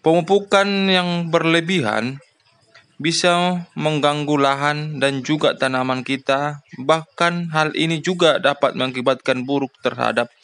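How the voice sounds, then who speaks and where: The host of a farming channel, a man with a somewhat high, slightly bright voice and a measured pace, walks farmers through a lesson. He calls them "Bapak Ibu," asks rhetorical questions, and fills his speech with "ya" and "namanya."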